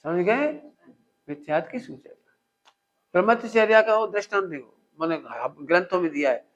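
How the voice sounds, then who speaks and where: High-pitched guy teaching a religious talk, keeps asking the crowd to repeat stuff back, muffled lo-fi sound. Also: normal speed. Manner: quizzes listeners with call-and-response questions; animated, with everyday household examples. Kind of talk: spiritual discourse to an audience. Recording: dull lo-fi recording.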